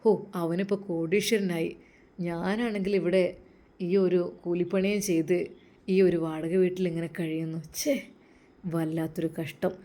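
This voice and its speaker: A woman's voice: lowish voice, steady tone, a little slow, dark tone, lightly acted. A woman voicing a young former wife who is bitter and regretful, in a told story. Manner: bitter, pleading.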